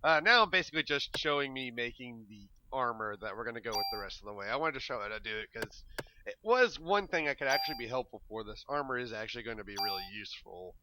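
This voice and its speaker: A man's voice: medium pitch, animated, fast talker, heavy background noise. A man giving casual commentary over his game playthrough, laid-back, laughing often and swearing now and then. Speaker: let's play commentator.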